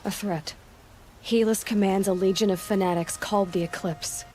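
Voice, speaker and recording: A woman's voice: mid-range voice, steady tone, normal speed, warm tone, slight background noise, close to an everyday voice. Woman acting Aloy, a determined young huntress. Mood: urgent, firm. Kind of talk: video game cutscene acting. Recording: dramatic music behind the voice.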